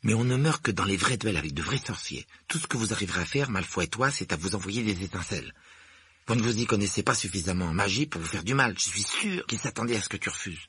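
Brief: male narrator as a casual boy sidekick, lively, breathy, dry. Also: on the low side, fast, heavily acted. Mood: offhand. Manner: offhand. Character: offhand schoolboy friend.

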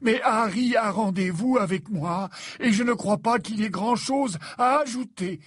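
A man voicing an old headmaster wizard who speaks in a measured, patient, slightly tired way. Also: sits high, fairly bright tone, no room sound, clean studio sound, pitched above the performer's own voice. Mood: mildly irritated. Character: old male headmaster wizard, weary and gently formal.

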